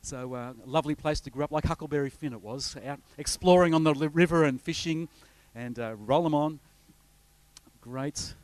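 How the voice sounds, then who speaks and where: With a fairly high pitch, a darkish tone and normal speed, a middle-aged pastor from the NSW north coast introduces himself to a congregation he's visiting. There's no room sound. His informal, slide-supported sermon opening wanders chattily, with many fillers and restarts.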